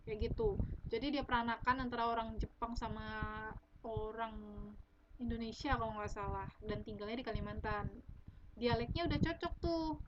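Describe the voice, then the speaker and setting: A young woman editing her own novel on a live stream, reading her draft aloud and chatting about it. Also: high-pitched. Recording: dull lo-fi audio with loud background noise.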